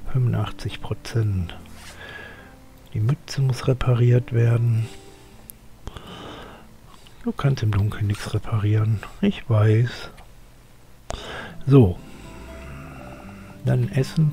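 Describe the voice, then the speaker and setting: A man's voice: medium pitch, slow, long pauses, warm tone, soft background music. An older man gives chatty live game commentary, muttering to himself and grumbling at his character. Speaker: let's play streamer.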